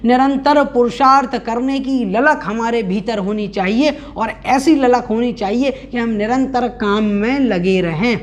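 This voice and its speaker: A woman teaching an online scripture class, explaining each idea and reciting verses slowly and deliberately. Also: on the high side. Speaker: religious teacher.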